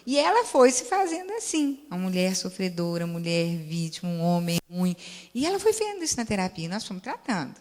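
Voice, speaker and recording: In a lecture hall with long reverb, a Brazilian-accented woman therapist lectures, tells case stories, and takes audience questions. She's a lively storyteller who acts out dialogue and keeps checking in with "né?", speaking a little fast in a fairly low voice.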